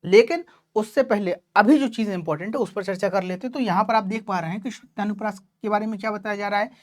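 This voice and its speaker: A woman's voice: medium pitch, fast talker, darkish tone. A woman teacher giving an online class lecture in Hindi, explaining patiently and checking in often with her students, whom she calls child. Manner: addresses students affectionately as child.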